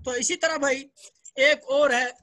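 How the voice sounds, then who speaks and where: Male teacher from Jammu and Kashmir, India, on a video call. Slow, patient drilling, very high bright voice, quick to praise. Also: fairly even intonation. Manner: patient drilling, repeats words, praises students often. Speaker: Arabic teacher. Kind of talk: online grammar lesson with students.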